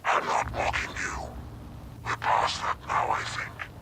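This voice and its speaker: A man voicing a menacing enemy warlord who taunts slowly and coldly over a vox link. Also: close to an everyday voice. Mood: cold, curious. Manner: slow, calculating, mocking then coolly curious. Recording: crackly vox transmission with heavy noise.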